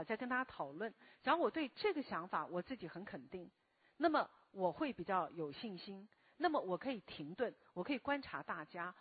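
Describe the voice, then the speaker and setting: A woman lecturing a class in a slow, deliberate way, often asking the listeners questions, her voice a bit hoarse from a recent cough. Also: mid-range voice, no echo, phone-quality sound. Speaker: lecturer and meditation teacher. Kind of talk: spoken self-help lecture to a live class.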